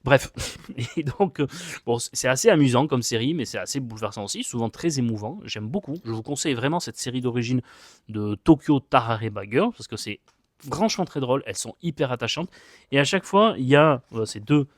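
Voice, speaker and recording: A man's voice: medium pitch, lively intonation, a little fast, no echo, clean studio sound. A man casually reviewing manga he has read, chatty and rambling, with many hesitations and repeated words, joking about his own English accent.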